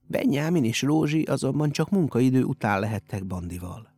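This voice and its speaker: Gravelly male audiobook narrator. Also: medium pitch, dry recording, studio quality, faint music behind. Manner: steady storytelling delivery. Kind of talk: scripted narration.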